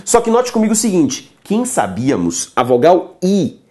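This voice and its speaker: A man's voice: high voice, huge pitch swings, moderate pace, warm tone. A man teaching a recorded grammar lecture, emphatic, keeps checking in with the listener and spells words out syllable by syllable.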